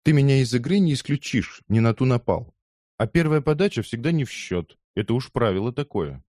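A man's voice: mid-range voice, expressive, warm tone, no room sound, clean studio sound, pitched above the performer's own voice, lightly acted. Liza, a sassy young working girl, as a man puts her on. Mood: cocky. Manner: bossy, quarrelsome, quick comebacks. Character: brash cheeky young London working girl.

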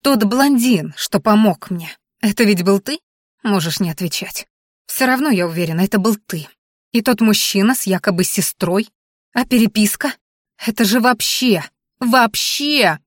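A woman voicing an indignant, sharp-tongued young woman who keeps accusing and shouting. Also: mid-range voice, expressive, normal speed, dry recording, clean studio sound, close to an everyday voice.

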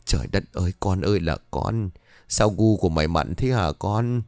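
A man's voice: sits low, normal speed, darkish tone, dry recording. A man voicing a frightened old father who whimpers and pleads, in a told ghost story. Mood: whimpering.

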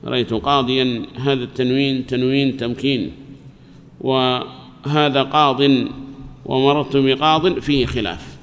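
Brief male grammar teacher, mid-pitched voice, patient, asks and answers, long hall reverb, faint hiss. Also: level tone, a bit bright. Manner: explains slowly, asks the class questions and answers them himself. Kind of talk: classroom lesson.

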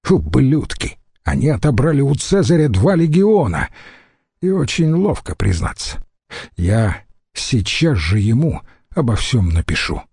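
A man's voice: mid-range voice, big pitch swings, unhurried, creaky, mellow, husky, no room sound, clean studio sound, full character voice. A man reading as a breezy, mocking young Roman senator. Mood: confiding.

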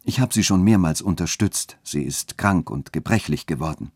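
A man reading a story aloud and voicing a proud young widow who speaks calmly, coldly and firmly. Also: low-pitched, moderate pace, slightly rough, dry recording, clean studio sound. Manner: calm, cold and firm. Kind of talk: literary reading.

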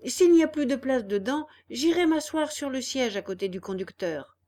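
A woman reading aloud, voicing a rowdy schoolboy who urges his friend on loudly. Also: high-pitched, expressive, normal speed, pitched above the performer's own voice. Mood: urging.

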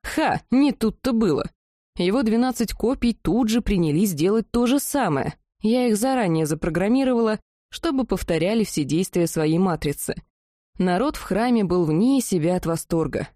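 A woman narrates a first-person fantasy novel in a lively, expressive way. Her voice is warm and mellow. The recording is dry and close, with no room sound. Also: medium pitch, normal speed, dry recording. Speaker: audiobook narrator.

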